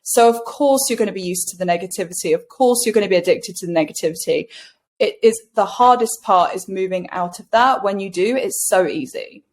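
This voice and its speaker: A woman coach in a casual interview, bubbly and animated, with a casual swear now and then. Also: mid-range voice, brisk. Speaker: guest coach.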